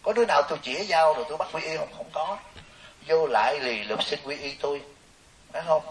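Captured in a distant, hissy recording, a Buddhist monk speaks fast in a fairly high voice. His dharma talk for lay listeners is playful and animated, built on stories with quoted dialogue.

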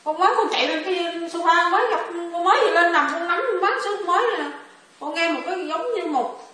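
High-voiced woman, halting, in an echoey room. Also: bright, forceful tone. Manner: halting, repeats words, searches for words. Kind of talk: emotional personal testimony. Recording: echoey room, far from mic.

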